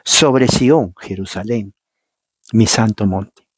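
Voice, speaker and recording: A man's voice: lowish voice, takes it slowly, no room sound. A man preaching a Bible teaching sermon, reading verses aloud and explaining them, emphatic and firing rhetorical questions at the congregation.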